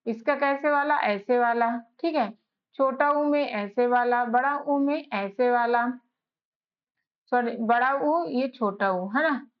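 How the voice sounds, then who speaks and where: A young woman hosting an online lesson, talking in a patient, repetitive way and often checking in with her students. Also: high-pitched. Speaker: English teacher, channel host. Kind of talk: casual online tutorial lesson. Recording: dull lo-fi sound.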